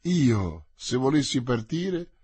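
A crafty old cardinal, anxious and wheedling, as a man reads him. The voice is husky and slightly breathy, recorded close and dry. He presses his point with insistence. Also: mid-range voice, very animated, slow, mellow, dry recording, full character voice. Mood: insistent. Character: scheming, anxious older male cardinal minister. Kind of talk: audiobook character voice.

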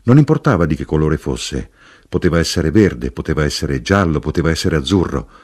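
A man narrating an audiobook in a measured, literary reading style. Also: rumbling low, expressive, a little mellow, husky.

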